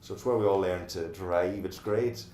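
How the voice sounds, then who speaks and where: A man's voice: low voice, normal speed, warm tone, reverberant, slight background noise. A middle-aged man from Donegal with an Irish accent, talking earnestly in an oral history interview and often restarting his sentences. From Ireland.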